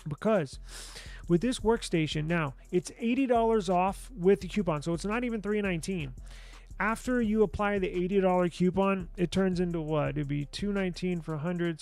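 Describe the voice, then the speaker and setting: Excited male tech host, smooth but gravelly, casual and swears a bit. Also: a little high. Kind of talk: casual deal walkthrough. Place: indoor home studio desk. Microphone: desk microphone.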